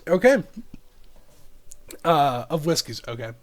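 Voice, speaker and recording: A man's voice: a little high, big pitch swings, slow. A man narrating a tabletop game as game master, chatty and often laughing between descriptions.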